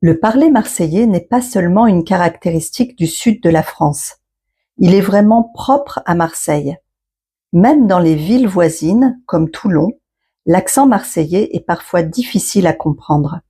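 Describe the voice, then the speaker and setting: A woman presents a scripted language lesson as a teacher and podcast host. Her voice is fairly low and very mellow, with a husky grain. She phrases things didactically for learners. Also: lively intonation, a little slow. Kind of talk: scripted educational narration.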